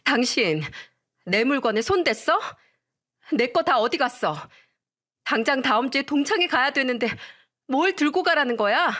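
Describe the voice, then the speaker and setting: Woman voicing a sharp-tongued scolding wife. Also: medium pitch, animated, measured pace. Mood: screeching. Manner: scolding, shouting. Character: nagging selfish young wife, sharp-tongued.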